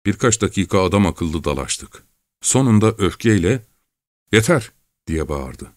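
A male audiobook narrator with a lowish voice reads in scripted, measured narration. The recording is dry and close, with no room sound around him. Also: lively intonation, darkish tone, dry recording.

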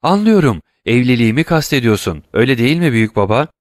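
A man's voice: medium pitch, very animated, brisk, no echo, clean studio sound, close to an everyday voice. A man voicing a tearful, devoted young granddaughter in an audiobook, earnest and pleading. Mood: eager. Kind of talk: audiobook reading.

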